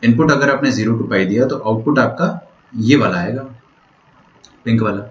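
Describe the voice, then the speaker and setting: A man's voice: medium pitch, moderate pace. Male maths teacher, patient step-by-step explainer, echoey room, dull lo-fi audio. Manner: explains step by step, checks often if students follow. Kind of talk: online lecture. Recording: roomy, dull lo-fi sound.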